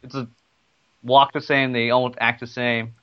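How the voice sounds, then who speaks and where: A man's voice: mid-range voice, flat delivery, moderate pace, clean tone, dull audio. A man chatting casually about a video game, rambling with many restarts. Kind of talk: casual gaming chat.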